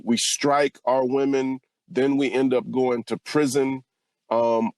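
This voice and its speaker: Earnest cali guy hosting a podcast, middle pitch, dry close sound, reflective. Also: darkish tone, no echo. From California. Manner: earnest, reflective, speaks from personal feeling. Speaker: podcast host. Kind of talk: casual podcast conversation.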